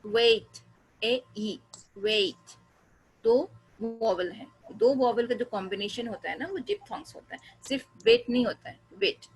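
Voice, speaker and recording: A woman teaching an English pronunciation lesson, drawing out each sound and repeating words slowly while switching between Hindi and English. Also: fairly high pitch, lively intonation, darkish tone, faint music behind, rough recording.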